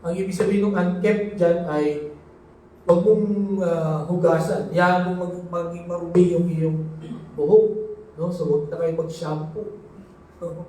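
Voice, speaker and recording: Man, preacher, sermon, high pitch, mellow tone, echoey hall, far from the mic. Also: level tone, measured pace, long pauses. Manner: mixes Tagalog and English, asks "no?" often. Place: church hall.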